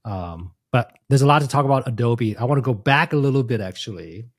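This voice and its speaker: A man's voice: mid-range voice, lively intonation, brisk. A man from Taiwan hosting a podcast interview, asking questions and giving short affirmations. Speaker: podcast host. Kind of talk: casual interview.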